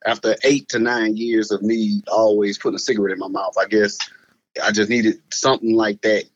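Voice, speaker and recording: A man's voice: on the low side, flat delivery, fairly quick, no room sound. A man talks in a loose, rambling way, often repeating words and laughing at himself. The sound is dry and dull, as if from a lo-fi recording. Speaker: guest. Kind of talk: casual conversation.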